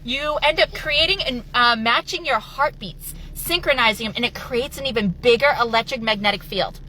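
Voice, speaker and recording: Bright, high-voiced woman telling an inspiring story. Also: moderate pace, a little hiss or hum, low-quality recording. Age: adult with children. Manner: animated, acts out quoted voices, earnest. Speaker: motivational speaker. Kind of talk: personal storytelling, inspirational talk.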